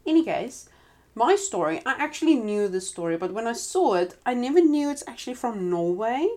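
A woman's voice: on the high side, big pitch swings, fairly quick, darkish tone. A woman reading a folk tale aloud to a listener, breaking off for casual asides. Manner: conversational, with frequent asides and restarts. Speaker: storyteller.

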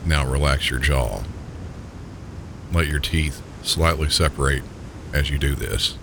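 A man with an extremely deep voice and a Southern US accent works as a sleep story narrator. He speaks gently and calmly, guiding the listener slowly toward rest. A steady, loud low rumble of noise runs behind him. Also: gravelly. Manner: calm, gentle, unhurried guiding. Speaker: sleep story podcast host. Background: low pink-noise rumble.

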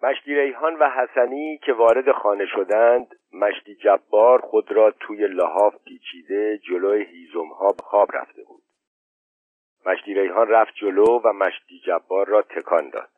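A man reading an audiobook story in even, measured narration. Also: lowish voice, no echo. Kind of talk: scripted narration. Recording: thin phone-like sound, dry.

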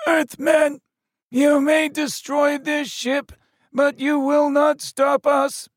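A man voicing a menacing alien that speaks from a metal egg, in a croaking voice with a metallic filter, proclaiming threats slowly. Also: extremely high pitch, monotone, no echo, studio quality, voice pushed up. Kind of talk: audiobook character voice.

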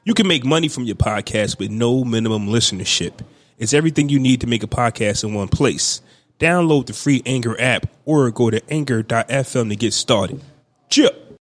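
A man's voice: mid-range voice, a little fast. A man in his thirties hosts a podcast in a middle-register voice. He talks casually and playfully, with plenty of slang and hyped-up greetings. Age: 30s. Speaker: podcast host. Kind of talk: casual chat.

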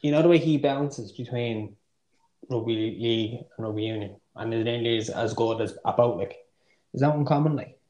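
An Irish man co-hosting a casual podcast chat, thinking out loud and swearing now and then. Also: mid-range voice, normal speed. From Ireland. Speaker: podcast co-host. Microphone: remote call mic.

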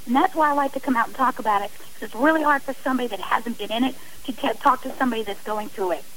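A woman's voice: a little high, rapid-fire, fairly bright tone, rough recording. A middle-aged woman giving earnest, passionate interview answers as a radio guest, speaking in long emphatic appeals. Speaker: radio interview guest, advocate against domestic violence. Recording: hissy radio interview audio.

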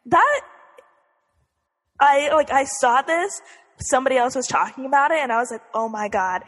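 A woman's voice: sits high, moderate pace, a bit bright. A young woman chatting casually as a co-host, in a bubbly sorority-girl manner peppered with "like". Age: young adult. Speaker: podcast co-host. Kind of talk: casual chat. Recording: echoey hall-like reverb.

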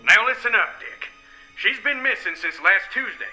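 A man's voice: high voice, lively intonation, normal speed, bright, forceful tone, soft background music, exaggerated voice, low-quality recording. A man playing a self-important, bossy male mayor in a comedy radio spoof.

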